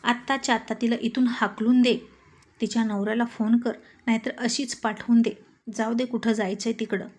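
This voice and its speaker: Haughty sharp-tongued wife, read by a woman narrator, insulting, fairly high voice, mellow tone, storybook. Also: flat delivery, a little fast, close to an everyday voice. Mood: scornful. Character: proud sharp-tongued married woman with memory loss.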